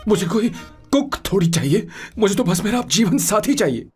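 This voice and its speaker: A man's voice: sits high, very animated, moderate pace, breathy edge, full character voice. A man dubbing a lovesick young man, the boss, in a film, pleading and indignant by turns. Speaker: film character. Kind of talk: dubbed film dialogue. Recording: film soundtrack with faint music.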